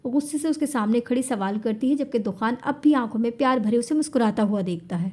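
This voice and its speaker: A woman's voice: on the high side, a little mellow. Woman narrating a romance novel. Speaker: audiobook narrator.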